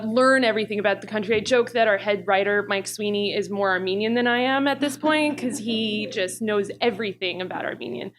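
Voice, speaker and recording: La woman on a panel, kinda high voice, chatty, laughs a lot. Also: a little hiss or hum. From Los Angeles area, US. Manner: chatty, laughs often, many fillers. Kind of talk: panel discussion.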